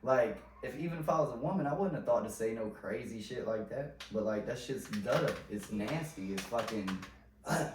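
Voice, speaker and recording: A man's voice: medium pitch, animated, moderate pace. A man talking in a loose, rambling casual chat, heavy on slang and filler, often trailing off and restarting. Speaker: podcast host. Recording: roomy sound, mic at a distance, faint noise.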